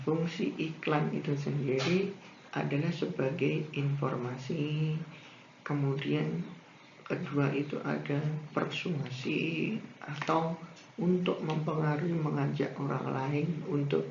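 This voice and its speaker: A man explaining a school lesson, with a steady pace and frequent "nah" and "eh" fillers. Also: a little high, creaky. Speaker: teacher. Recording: roomy, dull, faint room hiss.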